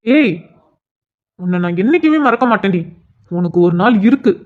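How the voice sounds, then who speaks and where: A woman's voice: mid-range voice, lively intonation, moderate pace, lightly acted. A woman voicing an angry, bruised older schoolboy in a cartoon, who hurls accusations and harsh threats. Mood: threatening. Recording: dull lo-fi audio.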